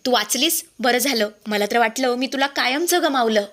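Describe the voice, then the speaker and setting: A woman's voice: a little high, moderate pace, a bit bright, natural voice. A woman voicing a scheming young wife who puts on overacted sorrow. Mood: fake grief.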